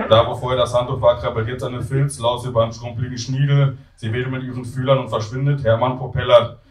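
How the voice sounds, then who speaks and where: A man's voice: medium pitch, little pitch movement, quick pace. A young man reads a comic story aloud at a live event, telling it dryly and matter-of-factly. His voice sits in the middle range and sounds echoey and distant, as if the mic is a few steps away. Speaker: reader at a live reading event. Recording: echoey room, from far off.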